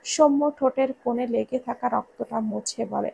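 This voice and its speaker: A woman's voice: on the high side, moderate pace, creaky, mellow, slightly rough, poor audio. A woman reading a romance story aloud as narrator, raising her voice when she voices the quarrelling characters.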